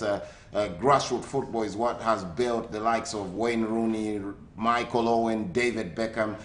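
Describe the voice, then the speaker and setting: Hosting a sports radio phone interview, a man from Zambia who lives in the UK asks friendly questions, pausing and using fillers often. He has a lowish voice, and the sound is reverberant.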